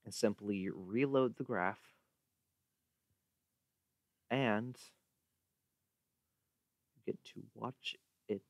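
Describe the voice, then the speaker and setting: A man's voice: on the low side, extremely slow, vocal fry, long pauses, no room sound, clean studio sound. A young man hosting a casual livestream, rambling and correcting himself as he works on a graph. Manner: rambling, self-correcting, with fillers and soft laughs. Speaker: livestream host.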